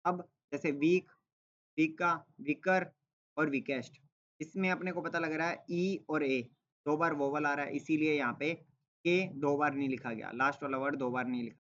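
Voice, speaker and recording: Male grammar teacher, a touch high-pitched, patient step-by-step delivery, muffled recording. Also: steady tone, moderate pace, fairly bright tone. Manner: explains step by step, repeats "ठीक है" and asks rhetorical "क्या" questions. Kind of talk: classroom-style grammar lesson.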